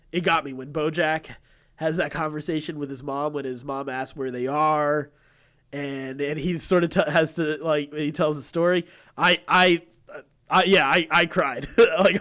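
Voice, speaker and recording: This podcast co-host is a man with a slightly high, fairly bright voice and fairly even intonation, talking at normal speed. He chats casually about pop culture, earnest and effusive, drifting from point to point.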